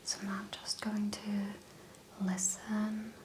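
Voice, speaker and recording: Woman whispering like a doctor, asmr exam, super slow and flat. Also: mid-range voice, background noise. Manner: soft unvoiced whisper, gentle instructions. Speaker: doctor in roleplay. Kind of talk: whispered ASMR medical roleplay.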